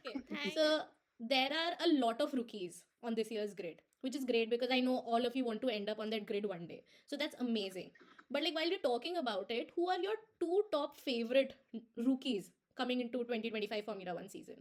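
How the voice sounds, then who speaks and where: A woman's voice: a little high, brisk. A woman hosting a casual podcast over a video call, chatty and teasing, laughing easily. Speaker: podcast host.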